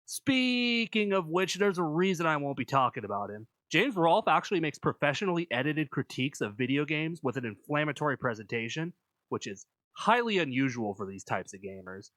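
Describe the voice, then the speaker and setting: Lively-pitched man narrating a video essay. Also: a little fast, no echo, rough recording. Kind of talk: scripted narration.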